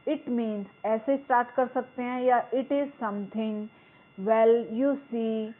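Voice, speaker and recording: A woman teacher takes a lesson at an unhurried pace. Her voice sits a little high, and she reads the English lines out deliberately before explaining them. The sound is thin and narrow, as if heard over a phone line. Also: steady tone.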